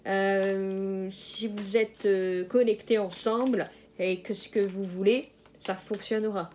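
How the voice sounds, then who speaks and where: A woman talks through a tarot reading at an unhurried, slow pace, her pitch sitting in an ordinary middle range. She hesitates often, restarting sentences and filling gaps, and chuckles at her own jokes. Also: fairly even intonation, darkish tone, a little hiss or hum. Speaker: tarot card reader. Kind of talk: casual general tarot reading.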